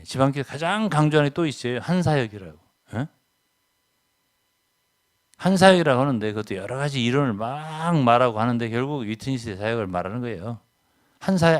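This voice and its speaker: An older man preaching a sermon as a pastor, emphatic, often checking in with the congregation with a quick question. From South Korea. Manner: emphatic, keeps asking "예?" to the congregation; swings between loud stresses and low asides.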